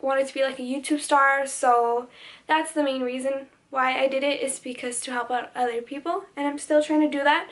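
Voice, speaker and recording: A teenage beauty vlogger from the United States, whose first language was Spanish, chats casually through a Q&A, saying "like" a lot and restarting sentences. Her voice sits high and sounds a bit bright.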